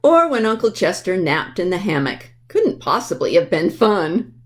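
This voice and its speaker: At a children's library storytime, a woman reads a picture book aloud in a lowish, very animated voice at a moderate pace. She speaks directly to her young listeners and keeps things easy to follow.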